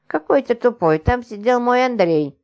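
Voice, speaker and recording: A woman reading an audiobook, voicing a brash, coarse, scornful middle-aged wife with mocking, shrill scolding. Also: moderate pace, a little mellow, lo-fi sound, natural voice.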